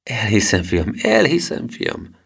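A man's voice: on the low side, huge pitch swings, vocal fry, fairly bright tone, slightly rough, pitched above the performer's own voice, full character voice. Old storybook granny, bossy and fond, scolds with love, male narrator. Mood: tender. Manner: scolding yet tender. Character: bossy, affectionate old grandmother.

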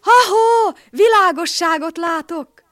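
A woman voicing a fearful, whiny old male rooster in a storybook reading, with shrill squawking cries. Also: sing-song, fairly bright tone, no room sound, studio quality. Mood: excited.

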